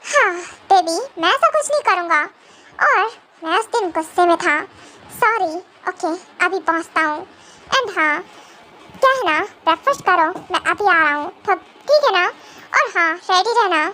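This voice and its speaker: Young woman playing a bossy mafia husband, scolding, high bright voice. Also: lively intonation, moderate pace, slight background noise, heavily acted. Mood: coaxing. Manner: scolding, stern. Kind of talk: amateur fan audio drama.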